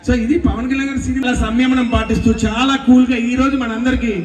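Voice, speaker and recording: A high-voiced male mimicry artist patters to a festival crowd, chatty and coaxing. He is heard from a distance through a roomy public address system. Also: little pitch movement, fast. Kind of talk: live stage comedy and patter. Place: open-air festival stage. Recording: echoey PA from far off.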